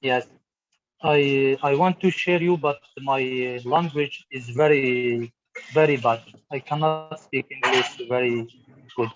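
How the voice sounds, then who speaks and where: A man's voice: medium pitch, takes it slowly, dull audio, noisy background. A man from Syria, a student in an online English class, speaking hesitant broken English with restarts over a video call. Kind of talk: halting conversation practice.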